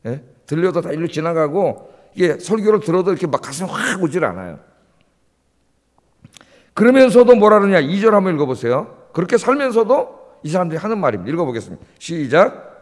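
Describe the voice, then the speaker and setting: Animated high-voiced male pastor, echoing church. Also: a little fast. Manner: emphatic, rhetorical questions to the congregation. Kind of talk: early-morning sermon. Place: church sanctuary. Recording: long church reverb.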